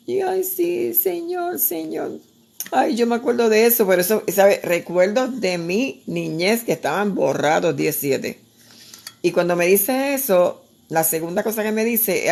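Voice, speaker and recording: Older woman preaching earnestly, gravelly. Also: low-pitched, darkish tone. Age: 60s. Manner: earnest, conversational, with many restarts. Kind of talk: sermon-style exhortation.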